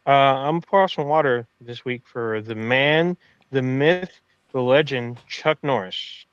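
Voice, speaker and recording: A man co-hosting a podcast, giving a casual tribute from notes in a halting way, with pauses mid-sentence. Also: medium pitch, clear, resonant tone, dry recording. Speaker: podcast co-host. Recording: dry, slightly dull lo-fi mic.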